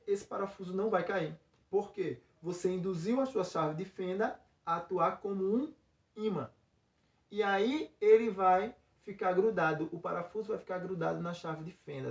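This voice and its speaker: A man's voice: sits high, vocal fry. Male teacher at the board, mic far off, dull roomy sound, keeps checking in. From Brazil. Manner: explains with frequent check-in tags and restarts. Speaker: physics teacher. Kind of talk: recorded classroom lesson. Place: classroom by a board.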